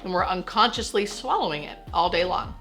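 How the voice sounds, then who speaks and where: Female educator, nurse presenting to camera, forward bright tone, reassuring and direct delivery over light music. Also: on the low side, expressive, a little fast. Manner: plain-spoken, reassuring explainer. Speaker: hospice nurse and educational video host. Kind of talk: explanatory talk to camera.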